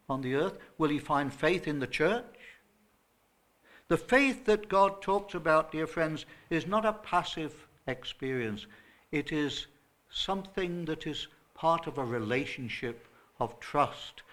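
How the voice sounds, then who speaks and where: A man preaching a sermon to a small church congregation, earnest and emphatic, rising to loud stresses. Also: a little high, animated, slow. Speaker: pastor.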